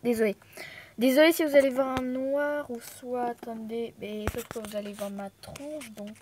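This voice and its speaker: Une jeune femme originaire de Thaïlande, bavarde et dispersée, pleine d'hésitations et d'excuses, filmée au téléphone dans son appartement. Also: female voice, a little high, moderate pace, darkish tone, a little hiss or hum. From Thailand. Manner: chatty, scattered, lots of fillers and apologies. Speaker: vlogger. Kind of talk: casual chat to camera. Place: apartment room at home. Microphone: phone held in hand.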